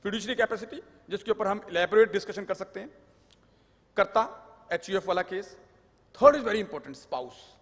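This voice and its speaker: Male lecturer, high voice, wry and explanatory, live hall with long reverb. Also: lively intonation, normal speed. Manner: joking, explanatory, mixes English terms. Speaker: tax law speaker.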